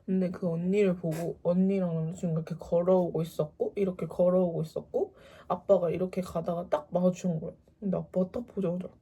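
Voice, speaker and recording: Husky young woman telling a story. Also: lowish voice, fast talker, hardly any pauses. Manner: animated, acts out quoted lines. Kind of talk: casual storytelling.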